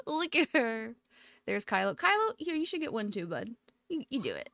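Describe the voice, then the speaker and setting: Speaking into a close USB microphone, a female streamer rambles warmly and informally to her audience, giggly and prone to loud laughs. Her fairly high voice has a gravelly edge, and the sound is studio quality with no echo.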